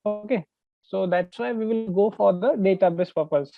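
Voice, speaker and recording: A man's voice: high voice, normal speed, vocal fry, faint music behind. A man with an Indian accent teaches an online database lesson, explaining step by step and repeating his phrases. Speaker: database trainer. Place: online call with screen sharing. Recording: narrow phone-like call audio, dry.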